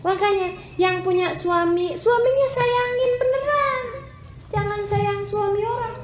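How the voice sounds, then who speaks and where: Female preacher, high and animated, warm sermon delivery; echoey room, faint background hum. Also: measured pace. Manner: animated, emotive storytelling with wide pitch swings.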